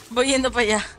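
A woman with a Spain Spanish accent playing along in casual gaming banter, animated, with frustrated, sweary outbursts. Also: a little high, slight background noise. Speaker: co-player.

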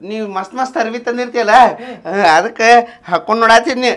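Bright-voiced man with a North Karnataka accent. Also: extremely high pitch, steady tone, fast. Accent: North Karnataka Kannada. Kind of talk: comedy sketch acting.

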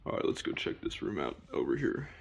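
Filming on a first-person camera, a twenties-aged urban explorer vlogger wanders an empty abandoned house, chatting casually with viewers and pointing out objects in plain remarks. His low, creaky voice swings widely in pitch at a brisk clip, with slight noise in the background.

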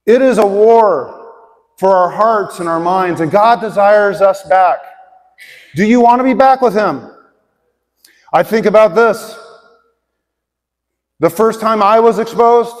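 High-voiced man preaching in a reverberant hall. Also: a little slow, long pauses. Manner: conversational, direct, asks the congregation questions. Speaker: pastor. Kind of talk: sermon. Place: large church auditorium with a stage, seated congregation.

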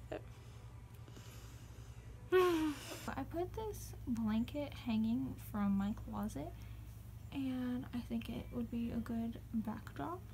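This young vlogger has a high yet dark, creaky voice, recorded with a little hiss or hum. She rambles casually in a small bedroom to her phone camera at arm's length and on a dresser, sprinkling in "like" again and again.

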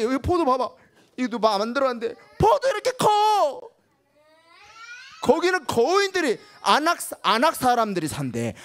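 A woman teacher telling a Bible story to young children, animated, asking them questions and acting out the voices. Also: high voice. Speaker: kindergarten teacher.

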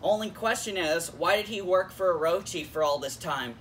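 A man's voice: sits high, normal speed, a bit bright, far from the mic, a little hiss or hum. A man hosting a casual YouTube episode review in a jokey, playful way. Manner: jokey, playful, switches into silly voices.

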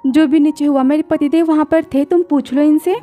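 A woman's voice: sits high, steady tone, a little fast, mellow, soft background music, natural voice. A woman voicing a poor, cheeky young wife who talks slyly.

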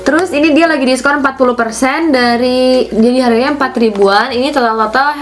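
Filming her shopping vlog in a supermarket before moving to her home dining room, a young woman chats casually and explains things in an upbeat way. Her voice is high and fairly quick, set against background music.

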